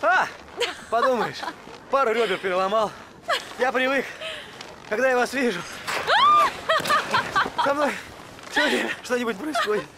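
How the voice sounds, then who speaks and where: An actor playing an excitable, clumsy young fairground vendor, animated and flustered, in a film. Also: male voice, very high voice, unhurried, vocal fry, pauses often, heavy background noise, heavily acted. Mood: flustered, smitten. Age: young adult. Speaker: street vendor. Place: outdoor winter park. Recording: film soundtrack with loud music.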